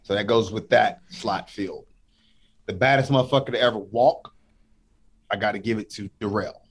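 A man's voice: on the low side, normal speed, husky. A middle-aged man talking earnestly and emotionally as a guest in a casual podcast chat.

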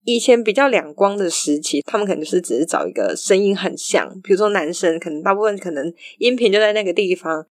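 A woman's voice: medium pitch, fast, hardly any pauses, no echo, clean studio sound. Chatty woman with a Taiwanese accent. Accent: Taiwanese Mandarin. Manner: chatty, animated, acts out quoted voices. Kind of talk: casual storytelling monologue.

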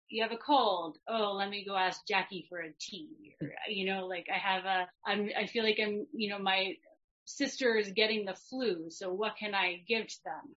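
A woman speaks in a reflective, conversational way, choosing her phrases with care. Her voice is bright and clear-edged at a middle pitch. The recording is a little dull and band-limited. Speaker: podcast guest and herbal business co-founder.

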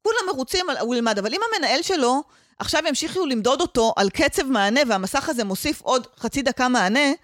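A woman's voice: high voice, animated, fairly bright tone, no echo, clean studio sound. A woman with an Israeli accent explaining in casual conversation as a guest expert, mixing in English professional terms. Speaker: guest expert on training development and change management.

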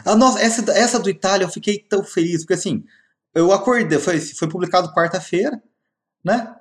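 A man's voice: high-pitched, a little fast. A man in his thirties, a postdoc guest, chatting casually in a podcast and telling stories with laughter. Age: 30s. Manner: animated storytelling with laughs. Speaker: guest researcher.

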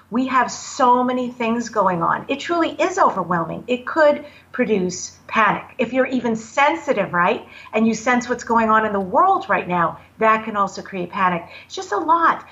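A woman's voice: on the high side, a bit bright. A woman talks through ideas in an easy, encouraging way, breaking her thoughts into short phrases. Her recording sounds slightly dull and muffled. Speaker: podcast guest. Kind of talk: casual conversation.

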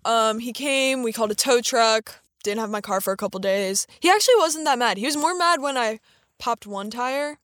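A woman's voice: fairly high pitch, normal speed, fairly bright tone, no echo, clean studio sound. A teenage girl chatting casually and sarcastically, filling her talk with "like". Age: teens. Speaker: influencer. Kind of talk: casual chat.

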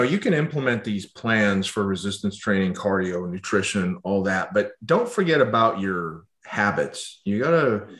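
A man's voice: sits low, a bit bright. A man hosting a casual fitness chat, giving earnest advice with many fillers and restarts.

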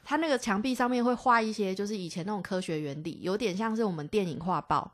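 A young woman with a Taiwanese Mandarin accent tells a story as a podcast co-host, animated and chatty. Her voice sits at an ordinary middle pitch, and she breaks off and restarts her sentences often. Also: fast. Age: young adult. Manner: animated, laughing, many fillers and restarts. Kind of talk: casual storytelling chat.

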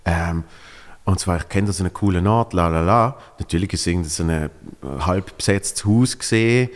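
A man's voice: deep voice, moderate pace. A man in his thirties with a Swiss German accent, telling a story in casual chat with lots of restarts. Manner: rambling storyteller, many restarts and fillers. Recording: reverberant room.

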